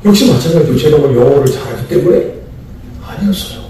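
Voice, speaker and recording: A man's voice: mid-range voice, lively intonation, fairly quick, mellow, far from the mic, slight background noise. A middle-aged man from Chungcheong, Korea, preaching to pastors at a seminar. He repeats key phrases and asks rhetorical questions. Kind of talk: sermon-style lecture. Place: large church sanctuary. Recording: echoey church hall, mic from afar.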